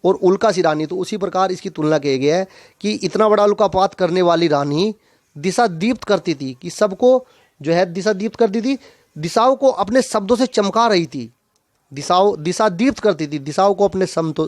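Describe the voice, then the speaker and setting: A male teacher explaining a Hindi poem line by line, reciting verses and then repeating key phrases to make them clear. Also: high voice, normal speed, darkish tone, no echo, studio quality. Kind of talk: poetry lesson explanation.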